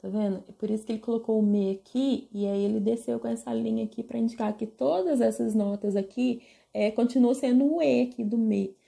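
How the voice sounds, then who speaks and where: Gravelly-voiced Brazilian woman teaching music theory. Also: a little high, steady tone, fairly quick, few pauses, warm tone. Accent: Brazilian Portuguese. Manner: explains patiently, pointing at the page with many check-ins. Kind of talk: commented reading of a music theory book.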